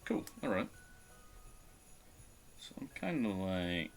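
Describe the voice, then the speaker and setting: A man's voice: deep voice, very animated, slow, vocal fry, soft background music. A man streaming live, chatting casually and with a self-deprecating tone as he thinks aloud while he draws.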